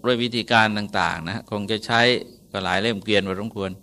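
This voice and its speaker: Male monk, storytelling sermon, bright forward tone, easygoing and hesitant. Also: fairly low pitch, brisk. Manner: relaxed, conversational, polite particles, frequent hesitations. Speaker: Buddhist monk.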